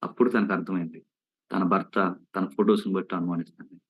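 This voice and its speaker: A youth preacher with a deep, steady, fast voice and a breathy edge tells a cautionary story to young people. He earnestly repeats warnings and puts questions to his listeners, and the sound is lo-fi.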